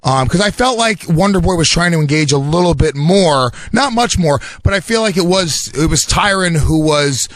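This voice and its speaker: A man's voice: fairly high pitch, expressive, normal speed, hardly any pauses, no room sound. A man co-hosting a podcast, asking long, rambling, hedging questions full of fillers in casual chat. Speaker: podcast co-host.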